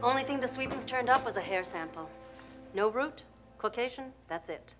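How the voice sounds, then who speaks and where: A woman's voice: fairly high pitch, expressive, normal speed, music in the background, natural voice. Matter-of-fact woman doctor played by an actress. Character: brisk, matter-of-fact female medical examiner. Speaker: forensic doctor. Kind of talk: TV crime drama acting.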